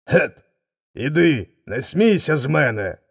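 A man voicing a humbled, frightened male lion in a folk tale reading, with a gravelly, husky voice. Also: on the high side, very animated, slow, voice pushed up, exaggerated voice. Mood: scared, gloomy. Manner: gloomy, whispering in fear.

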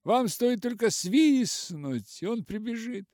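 A man's voice: a little high, slow pace, gravelly, dark tone, dry recording, clean studio sound. A male audiobook narrator voicing a brooding young man who mutters bitterly to himself. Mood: cheerful. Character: brooding young man, sailor turned writer. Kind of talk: literary audiobook reading.

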